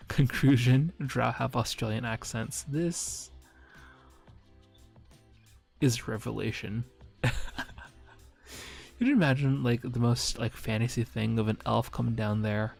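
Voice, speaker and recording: Gravelly, giggly streamer man chatting casually. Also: mid-range voice, measured pace, a little mellow. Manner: rambling, giggly, self-mocking. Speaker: streamer and dungeon master. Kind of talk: casual stream chat reviewing memes. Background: faint background music.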